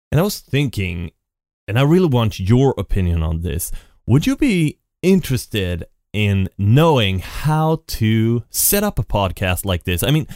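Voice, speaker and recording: A slow, low-voiced man rambles through an unscripted solo episode of his podcast, restarting often and leaning on repeated "and". His tone is a little mellow. He records at a home computer with a studio podcast mic with effects, giving a dry, studio-quality sound.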